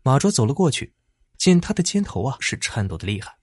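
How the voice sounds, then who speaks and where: A man's voice: medium pitch, sing-song, fairly quick, husky, no echo, studio quality. A man narrating a story dramatically, stretching out little particles between phrases.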